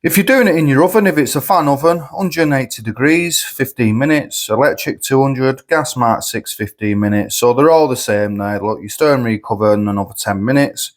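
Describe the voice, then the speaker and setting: Brisk and barely pausing, a medium-pitched male voice rambles through a casual vlog reviewing supermarket food in his home kitchen. He's chatty, repeats himself, and sounds sniffly, like a cold is coming on.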